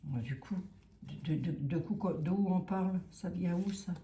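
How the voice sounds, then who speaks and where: A woman's voice: fairly low pitch, moderate pace, warm tone, echoey room, a little hiss or hum. A woman with a Lorraine French accent doing a casual tarot reading, musing aloud and hesitating with many fillers. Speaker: tarot reader.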